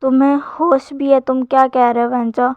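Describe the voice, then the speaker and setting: Woman reads upset young man, storybook quote, flat delivery, dry close sound. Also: high-pitched, normal speed, no echo, lightly acted. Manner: read in a plain narrating voice. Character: upset young man, rejecting a friend's advances. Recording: dull lo-fi sound.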